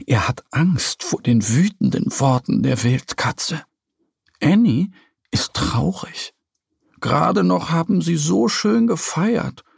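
A man reading a children's story aloud with calm, expressive storytelling. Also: on the high side, creaky, husky, no echo, studio quality. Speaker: narrator.

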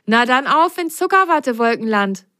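A woman voicing a young male sock who is eager and excitable in a children's storybook reading. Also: on the high side, normal speed, no room sound, clean studio sound, pitched above the performer's own voice. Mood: excited. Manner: excited, bubbly.

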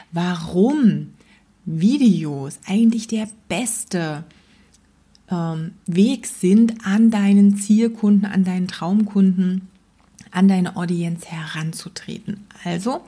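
A woman's voice: medium pitch, dark tone. A woman hosting a podcast introduces a guest and asks questions in a casual, hesitant way. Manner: hesitant, many fillers and restarts. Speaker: podcast host.

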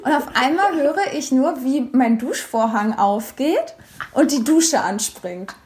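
Young woman, high voice, chatty storyteller, does all the quotes with big swoops. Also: slow pace. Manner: lively storyteller, acts out quotes with big pitch jumps. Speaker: podcast co-host. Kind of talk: casual chat.

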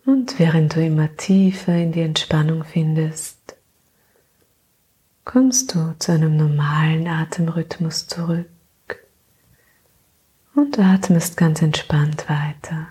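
A woman slowly narrating a soothing sleep meditation in a hushed, half-whispered voice, calm, with gentle pauses between phrases. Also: sits low, breathy edge. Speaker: guided meditation narrator and podcast host.

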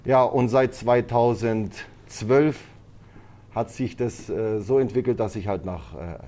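A man's voice: fairly low pitch, takes it slowly, mellow. A man who grew up in Italy, a martial arts trainer speaking as a podcast guest, talking casually with many hesitations and fillers. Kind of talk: casual interview talk.

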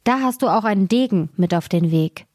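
A woman voicing an old tailor father, gentle and fatherly, in a storybook. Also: medium pitch, expressive, a little fast, no echo, studio quality, close to an everyday voice. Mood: kindly.

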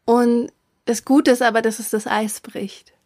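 A middle-aged woman telling a personal story with emotion, haltingly, with fillers and restarts, often dropping to a whisper for emphasis. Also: a little high, fairly even intonation, darkish tone, no room sound, studio quality.

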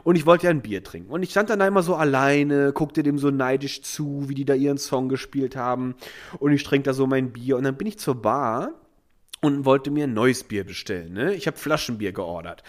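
A man's voice: mid-range voice, brisk. A man, telling an anecdote in casual chat and acting out the voices of the people in it. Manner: animated, acts out quoted voices, many fillers. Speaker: storyteller guest.

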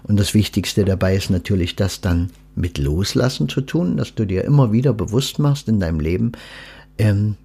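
A man's voice: fairly low pitch, expressive, normal speed, gravelly, breathy edge. A man hosting a podcast, reading a children's story aloud and then reflecting thoughtfully on death and letting go. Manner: thoughtful, gently instructive.

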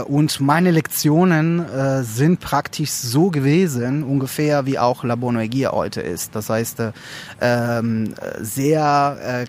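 Give me a male lecturer answering questions, halting and filler-heavy. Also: medium pitch, a little mellow, slight background noise. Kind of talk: interview answers.

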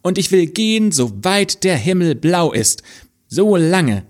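A man putting on a young princess from a read-aloud fairy tale, her voice lifted high and sweetly earnest. She speaks with a slow, devoted plea and a lively sing-song rise and fall.

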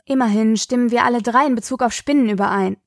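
A woman reading an audiobook, voicing a calm, dryly joking mother. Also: on the high side, quick pace, no echo, clean studio sound. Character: wry, patient mother driving her daughters.

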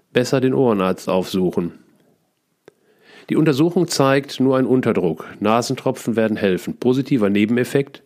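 Calm man reading his memoir. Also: medium pitch. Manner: short clipped sentences, calm first-person narration. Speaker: author reading his book.

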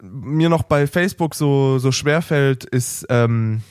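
A man's voice: medium pitch, takes it slowly, a little mellow, clear, resonant tone, no echo, studio quality. A young man co-hosting a podcast, joking casually and poking fun at himself. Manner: self-mocking, joking. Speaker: podcast co-host.

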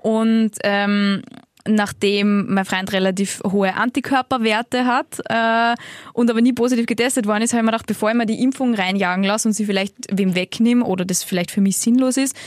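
A woman, co-hosting a podcast and telling a personal story in a chatty, animated way with casual swearing. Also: mid-range voice, brisk, dry recording, clean studio sound. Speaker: podcast co-host. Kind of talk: casual chat.

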